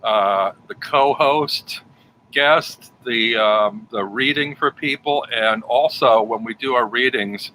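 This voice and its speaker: A man's voice: mid-range voice, slow, sharp tone, rough recording. A man hosting a livestream and chatting casually with his guest and viewers. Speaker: livestream host. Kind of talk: casual chat. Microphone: home livestream setup. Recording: faint background noise.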